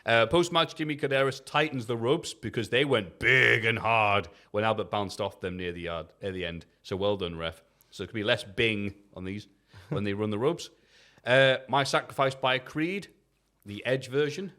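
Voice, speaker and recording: A man's voice: on the low side, normal speed, sharp tone. A man reading out his written review on a casual podcast. He is jokey and laughs often, with a few swears thrown in. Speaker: podcast co-host reviewing wrestling.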